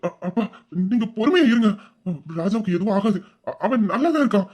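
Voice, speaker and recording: A voice actor playing a guilty young friend who stammers while calming an old man. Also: medium pitch, a little fast, close to an everyday voice. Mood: soothing. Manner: hesitant, stammering.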